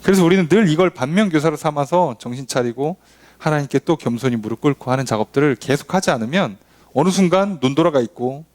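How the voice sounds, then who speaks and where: A man's voice: a little high, fast talker. A man, a pastor leading a Bible study, teaching in a casual, conversational way, asking rhetorical questions and acting out quoted voices. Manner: animated, acts out quoted voices, asks the congregation questions.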